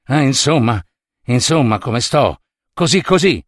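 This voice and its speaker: A man's voice: mid-range voice, lively intonation, measured pace, no echo, studio quality. A man voicing a touchy, sad old skeleton made of bird bones, whiny and complaining in a storybook. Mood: gloomy.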